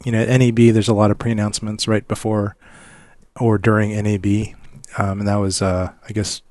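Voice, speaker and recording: Guy co-hosting, lowish voice, chill understated chat, no room sound. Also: little pitch movement, brisk, darkish tone, no room sound, clean studio sound. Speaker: podcast co-host. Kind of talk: casual conversation.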